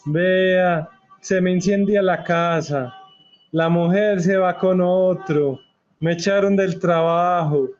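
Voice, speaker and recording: A heartbroken drinker wails in a strained, high-pitched voice, as a man puts him on. Every word comes out as a lament. The sound is dull and lo-fi. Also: steady tone, slow pace, darkish tone, faint music behind. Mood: wailing. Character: weeping ruined middle-aged man in a bar.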